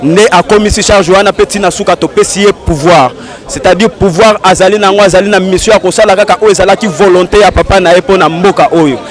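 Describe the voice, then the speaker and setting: Man, high-pitched, insistent, street interview, outdoors in town. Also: fairly even intonation, fast talker. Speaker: interviewee, party supporter.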